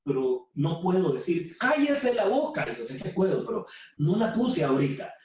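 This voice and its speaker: A woman with a Nicaraguan accent preaching to a women's group, fervent, repeating words and slowing down to stress key phrases. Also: sits low, animated, dark tone. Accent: Nicaraguan Spanish. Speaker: women's ministry speaker. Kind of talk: preaching talk. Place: room with phones streaming. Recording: very echoey room from a distant mic with faint noise.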